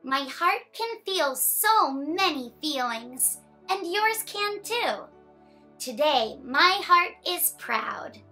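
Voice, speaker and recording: Reading a picture book aloud for little ones, a young woman in the role of story time host speaks slowly, giving each phrase room. Her tone is high and bright, animated and expressive, with music faintly audible behind.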